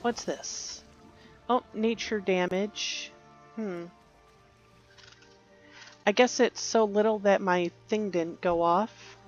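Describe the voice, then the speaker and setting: A woman's voice: mid-range voice, steady tone, takes it slowly, pauses often, muffled recording, faint music behind. A woman giving casual, rambling commentary while playing a video game, musing aloud and correcting herself. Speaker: gaming youtuber.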